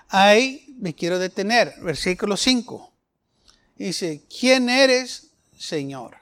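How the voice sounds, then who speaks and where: A man's voice: high voice, a bit bright. A man preaching a sermon in an emphatic style, with questions that rise sharply.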